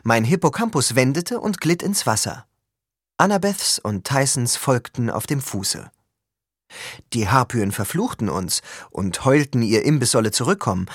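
A man reading a first-person story aloud as an audiobook, with expressive, lively storytelling. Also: medium pitch, husky, dry recording, studio quality. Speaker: audiobook reader.

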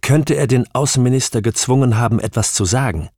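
A man's voice: mid-range voice, brisk, a little mellow, dry recording, voice pushed up, lightly acted. A man voicing a persistent male investigator who presses a witness with probing questions, in an audiobook reading. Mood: insistent. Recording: dry close studio sound.

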